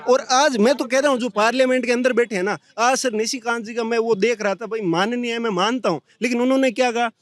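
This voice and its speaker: Impassioned young man, high voice. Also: steady tone, no room sound. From Rajasthan, India. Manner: impassioned, rapid-fire complaints. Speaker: protester. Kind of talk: street interview. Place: outdoor protest site.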